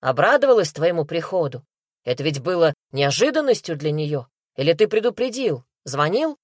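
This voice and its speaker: Reading an audiobook, a woman voices a furious male detective who interrogates a suspect with harsh, barking, pressing questions. Her deep voice has a sing-song quality at normal speed, recorded dry with studio quality.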